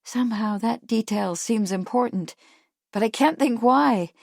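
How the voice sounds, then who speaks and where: A woman's voice: on the high side, a little slow, gravelly, no room sound, studio quality. A woman narrator voicing an anxious, determined young Victorian woman, speaking earnestly and urgently. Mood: intent.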